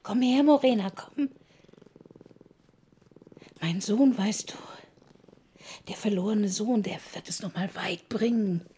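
Woman acting as old woman cooing to her cat, slow, whispery, faint hiss, radio play. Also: a little high, dark tone, close to an everyday voice. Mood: tender.

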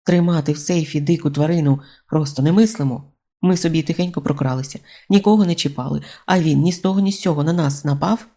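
A reader voicing cornered male robbers in an audiobook, whining and pleading in raised, loud voices. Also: mid-range voice, fast talker, natural voice. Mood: indignant.

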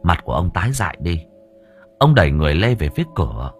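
A man narrating a horror story for an audiobook in an expressive, dramatic storytelling voice. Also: low voice, fast, soft background music.

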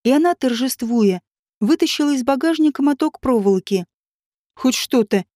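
A woman narrating an audiobook in a steady, even reading voice. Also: high-pitched, fairly quick, no room sound, clean studio sound. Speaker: audiobook reader. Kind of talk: scripted narration.

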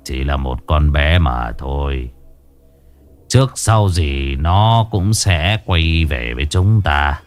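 A man's voice: very deep voice, lively intonation, faint music behind, voice pushed down, exaggerated voice. A man playing a sly, sinister old abbot. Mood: scornful. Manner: slow, sly, dismissive.

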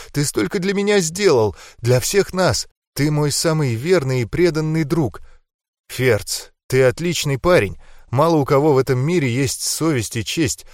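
A man's voice: mid-range voice, no echo, studio quality. A man narrating a first-person audiobook in a grim, tense manner.

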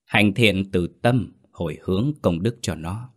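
A man voicing a calm Buddhist exorcist master in a spoken ghost story, measured and admonishing. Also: low voice. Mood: solemn.

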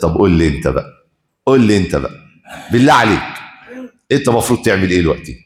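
Impassioned Egyptian preacher, roomy echo. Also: male voice, deep voice, very animated, rapid-fire. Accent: Egyptian Arabic. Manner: impassioned storytelling, rhetorical questions. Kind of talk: Friday sermon.

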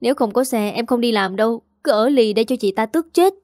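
A spoiled young sister, whining and sulking in a slightly higher voice, as a woman reading a story puts her on. The sound is mellow and close. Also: fast talker, dry recording, close to an everyday voice. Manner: whining, sulky.

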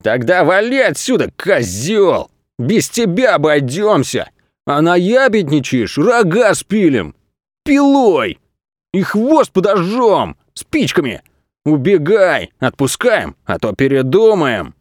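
A man's voice: a little high, very animated, moderate pace, no echo, clean studio sound. A man voicing a pair of scheming crooks in a children's audiobook, threatening and brash. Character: scheming male crook duo, rough bullies.

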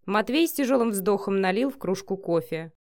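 A woman narrating a romance audiobook in an expressive, even storytelling manner. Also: medium pitch, a little fast.

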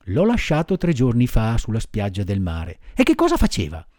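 A man voicing a big kindly male pigeon in a low, steady, gently advising storybook voice, recorded dry. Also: normal speed, no echo. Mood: calm. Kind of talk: audiobook character voice.

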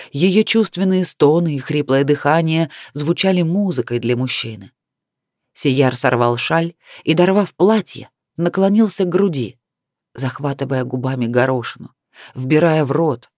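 Brief: even-paced audiobook reader, mid-pitched, close and dry. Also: no room sound. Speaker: audiobook narrator. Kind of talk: scripted audiobook narration.

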